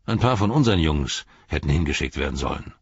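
A man voicing a large brutish human ruffian who mocks and threatens in a husky voice. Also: very deep voice, expressive, fast, no room sound, dull audio, full character voice. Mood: menacing. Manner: menacing, mocking.

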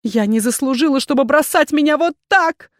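A woman voicing a jealous, abandoned noblewoman who shouts and pleads through tears. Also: lively intonation, a little slow, creaky, no echo, clean studio sound. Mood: furious. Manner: shrill pleading and shouting, tearful.

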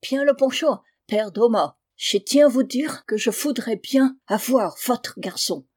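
A woman voicing an eager, scheming middle-aged German man who wheedles and chuckles high. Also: lively intonation, measured pace, a little mellow, slightly rough, no echo, studio quality. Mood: wheedling.

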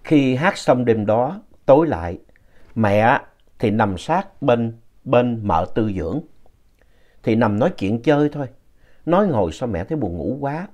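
A man narrating a ghost story in a slow, retelling manner. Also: medium pitch, expressive, darkish tone.

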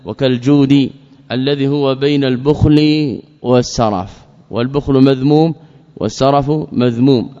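A man teaching an Islamic creed text as a lesson, measured, often repeating key phrases and asking questions he then answers himself. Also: mid-range voice, darkish tone. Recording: dull lo-fi recording with long reverb.

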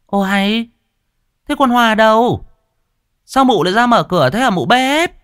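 A man's voice: high voice, lively intonation, normal speed, fairly bright tone, smooth, pitched above the performer's own voice. A man voicing a cruel, sneering landlord's wife who scolds and picks fights. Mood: irritated.

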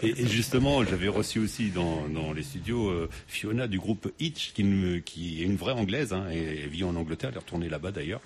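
French guy hosting a radio chat, kinda low voice, lots of euhs and laughing. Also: animated, brisk, hardly any pauses, slight background noise. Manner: chatty, laughs often, many fillers. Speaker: radio host. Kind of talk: casual radio interview.

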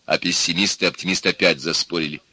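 A man narrating an audiobook with an expressive reading. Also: deep voice, quick pace, husky. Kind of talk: scripted narration.

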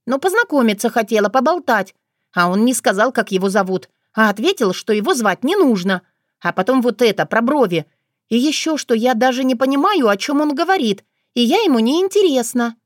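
A woman's voice: on the high side, lively intonation, brisk, dry recording, clean studio sound, pitched above the performer's own voice, lightly acted. A woman voicing a spoiled, vain teenage girl in an audiobook, speaking in a petulant, indignant, whiny way. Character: spoiled, touchy teenage girl, vain and quick to take offense. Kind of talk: audiobook character voice.

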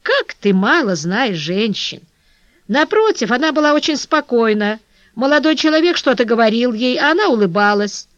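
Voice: mid-range voice, big pitch swings, normal speed, a bit bright, no room sound. A narrator voicing a sly scheming crook. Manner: secretive, insinuating. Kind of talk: audiobook character voice. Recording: dull dry lo-fi recording.

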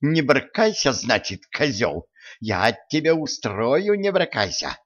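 A man voicing a hot-tempered young nomad woman who yells in a raised, shrill voice. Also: big pitch swings, a little slow, highs cut off. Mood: furious. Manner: shrieking, furious.

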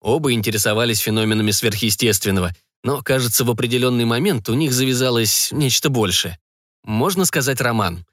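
Man doing shy young man, audiobook, earnest, hesitant, mid pitch, dry recording. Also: fairly quick, fairly bright tone, dry recording, lightly acted. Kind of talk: audiobook reading.

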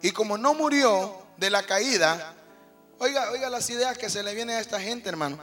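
A man's voice: sits high, lively intonation, moderate pace, fairly bright tone, soft background music. A man with a Mexican accent preaching a sermon in a folksy, conversational way, often calling his listeners brother.

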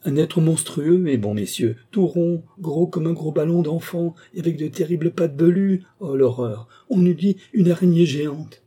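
A man's voice: on the high side, normal speed, few pauses, warm tone, slightly rough, pitched above the performer's own voice. A man voicing a frightened male gardener who tells of a monster in agitated, pleading bursts. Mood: terrified. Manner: agitated, pleading, rising with fear. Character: frightened older male gardener, breathless witness.

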